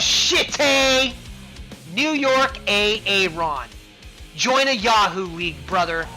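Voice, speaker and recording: Shouting man in a crude roast rant. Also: very high voice, rough recording. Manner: shouting, crude insults, frequent laughter. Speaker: fantasy football league podcast host.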